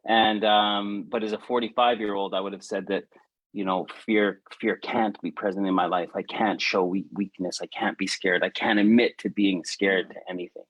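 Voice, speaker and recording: A man in his fifties co-hosting a reflective podcast, his voice on the low side. He speaks earnestly, halting and repeating words as he works through his thoughts. The recording is close and dry, with little room sound. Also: steady tone, fairly bright tone, dry recording, highs cut off. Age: 50s. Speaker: podcast co-host. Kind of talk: reflective casual chat.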